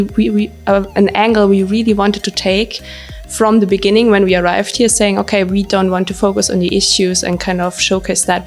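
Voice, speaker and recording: Young woman, measured interview guest, slightly off-mic, faint music. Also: medium pitch. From Germany. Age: young adult. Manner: measured, explanatory, with self-corrections. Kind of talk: casual interview answers.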